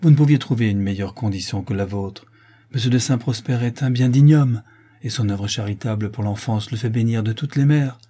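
Man voicing a gentle ex-convict, reassuring, dark husky voice, storybook reading. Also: medium pitch, a little fast, natural voice.

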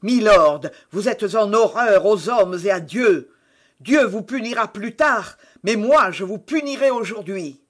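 Man doing an intense young fanatic, high voice, slow, declaiming, audiobook. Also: expressive. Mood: vehement. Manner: intense, rising to loud declamation. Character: fervent young male zealot, grim and accusing.

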